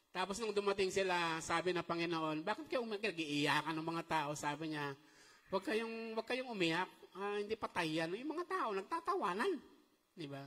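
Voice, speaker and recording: High-voiced preaching man in an echoing church. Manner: animated preaching with call-and-response checks. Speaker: pastor. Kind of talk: sermon. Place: church hall. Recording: long church-hall reverb.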